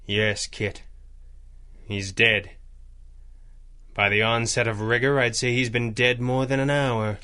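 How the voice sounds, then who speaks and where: A man playing a resolute masked crime-fighter in a 1930s-style radio serial, speaking with calm command and measured, solemn diction. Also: mid-range voice, clear, resonant tone. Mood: grave, determined.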